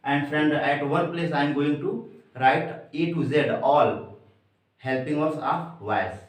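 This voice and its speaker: A native Hindi speaker with an Indian accent and a slightly high voice gives a grammar lesson to camera, speaking deliberately and with emphasis as he addresses his audience directly. He is recorded on a distant mic in a very echoey indoor room.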